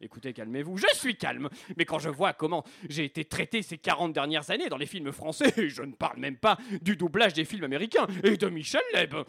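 A man's voice: on the high side, lively intonation, brisk, vocal fry, hardly any pauses, pushed and bright, slightly rough, no room sound, clean studio sound, exaggerated voice. A man voicing the African accent as an exasperated, sarcastic character, speaking with a West African French accent.

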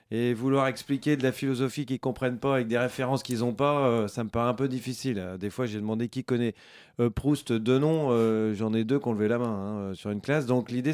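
A middle-aged philosophy teacher answering interview questions in a relaxed, rambling way, full of hesitations. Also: male voice, mid-range voice. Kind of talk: casual radio interview.

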